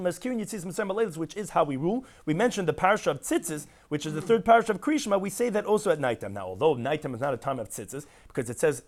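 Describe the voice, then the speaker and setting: Man, rabbi, Talmud lecture, rapid delivery, fairly high voice. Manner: quick, animated explaining with rhetorical questions. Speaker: rabbi teaching a daily Talmud class. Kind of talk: Talmud lecture mixing Hebrew and Aramaic terms with English explanation.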